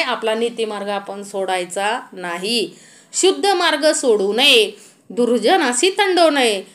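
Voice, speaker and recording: Female spiritual lecturer, slightly high voice; chants verses slowly, then explains them conversationally and asks the listeners questions. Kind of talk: devotional discourse on scripture.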